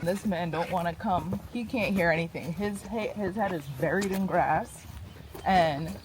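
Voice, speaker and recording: A woman's voice: on the low side, measured pace, noisy background. A young woman vlogging casually in her bedroom, chatty and rambling, often breaking off mid-sentence. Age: young adult. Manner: chatty, rambling, self-interrupting. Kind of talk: casual vlog chat. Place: home bedroom, indoors.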